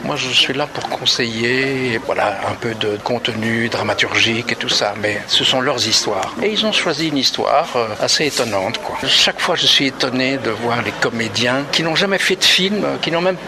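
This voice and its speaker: A man's voice: medium pitch, lively intonation, normal speed, few pauses. Male, film workshop trainer, hesitant interview, street noise. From Spain. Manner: hesitant, many fillers. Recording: noisy outdoor recording.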